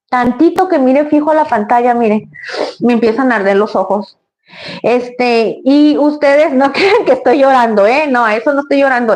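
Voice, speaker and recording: A woman with a Mexican accent, hosting a cooking channel and chatting casually and effusively to her viewers. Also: high-pitched. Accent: Mexican Spanish. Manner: chatty, effusive, laughs often, thanks viewers by name.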